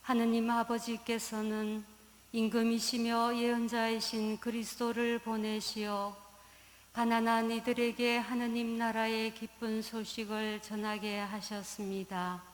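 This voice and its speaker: Lady reading a mass intro real slow and flat, cathedral echo, long reverb ringing out. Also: a little high. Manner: slow, even, solemn reading. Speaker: mass commentator. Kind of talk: formal liturgical introduction. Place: large church. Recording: echoey church hall with long reverb.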